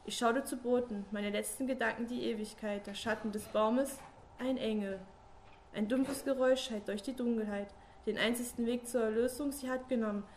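Woman reading a dark story slowly. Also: on the high side, fairly even intonation, a little hiss or hum. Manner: slow, solemn, with long pauses. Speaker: narrator. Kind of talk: dramatic first-person story reading.

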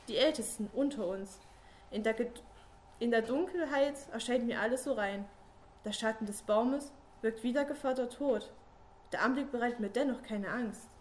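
A woman reading a dark first-person story, slow and solemn, with long pauses. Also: fairly high pitch, slight background noise. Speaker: narrator.

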